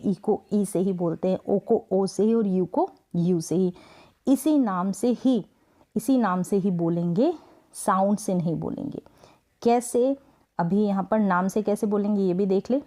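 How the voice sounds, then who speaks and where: A woman's voice: mid-range voice, mellow. A woman teaching English spelling rules, patiently repeating points and asking herself questions before answering them. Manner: patient, repetitive, asks and answers own questions; drawn-out word sounding. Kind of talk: Hindi-language spelling lesson.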